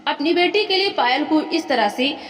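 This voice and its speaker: A woman's voice: sits high, animated, moderate pace, a bit bright. A woman narrating an emotional story in a heartfelt first-person way. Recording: echoey room with long reverb.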